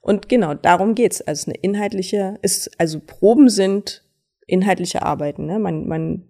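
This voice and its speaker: A woman's voice: mid-range voice, normal speed. A woman, a stage and screen actress, talking casually and emphatically as a podcast guest. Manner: lively, emphatic storytelling. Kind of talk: casual interview chat.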